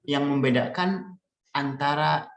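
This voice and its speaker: A man's voice: on the high side, level tone, creaky, background noise. Patient male teacher, roomy sound. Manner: patient, models sentences slowly and deliberately. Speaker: language teacher. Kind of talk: online language lesson. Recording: roomy echo.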